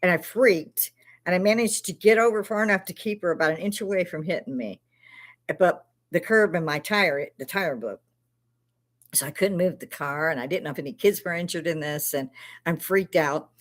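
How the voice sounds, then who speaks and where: A lowish female voice at a moderate pace belongs to an older woman from Chicago with a Chicago accent. On her live stream she chats casually, spinning rambling, laugh-filled stories and cursing freely.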